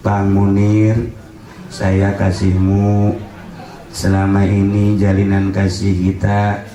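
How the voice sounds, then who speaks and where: A man mock-reading a jilted lover's sentimental farewell message, slow and melodramatic, in an echoey hall from a distance. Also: fairly low pitch, voice pushed down.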